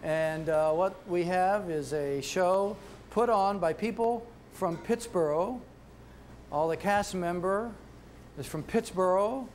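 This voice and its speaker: High-pitched American man, halting comic monologue. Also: a little hiss or hum. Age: middle-aged. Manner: halting, rambling, repeats phrases. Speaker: show host and comedian. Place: small indoor stage with painted backdrop.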